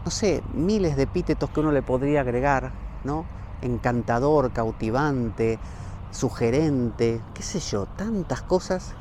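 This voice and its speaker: A man's voice: on the high side, expressive, a little mellow, a little hiss or hum. A man, a spiritual teacher giving a short spoken reflection in an emphatic, thoughtful way. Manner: emphatic, reflective, slows down to list words. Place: outdoors, facing a mountain.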